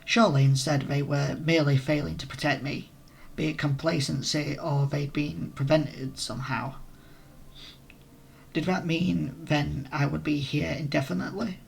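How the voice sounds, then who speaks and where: A hoarse man who is losing his voice, narrating a role-play adventure in the first person and breaking off for casual asides. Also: on the high side, fairly even intonation, normal speed.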